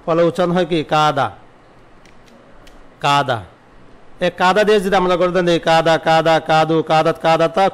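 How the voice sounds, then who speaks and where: A man teaching an online Arabic grammar lesson, asking his own questions and answering them, repeating word forms slowly. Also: fairly high pitch, clear, resonant tone.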